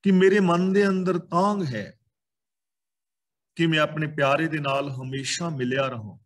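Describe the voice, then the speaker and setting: A man with a Punjabi accent explaining scripture in a calm way, pausing between short phrases. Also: on the high side. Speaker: Sikh scripture teacher.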